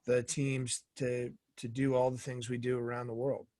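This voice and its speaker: A middle-aged man, a guest in an interview, telling energetic stories and acting out the dialogue in them. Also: medium pitch, moderate pace, dry recording. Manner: energetic storyteller who acts out quoted dialogue. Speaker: guest, former Navy SEAL and author. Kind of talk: casual interview storytelling.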